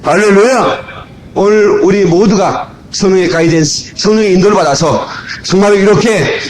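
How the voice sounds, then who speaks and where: A man preaching a lively, humorous sermon as a pastor, shouting his punchlines, recorded on an old cassette in a church full of people. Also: high voice, normal speed, a little hiss or hum, rough recording. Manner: animated, shouting punchlines, playful asides. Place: church sanctuary. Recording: old cassette tape of a live church service with congregation. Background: congregation laughing and responding.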